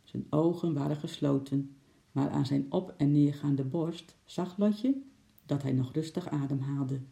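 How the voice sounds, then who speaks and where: Gravelly, dark-voiced storybook narrator. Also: male voice, a little high, a little slow. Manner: steady, even storytelling. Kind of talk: children's storybook reading. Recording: roomy echo.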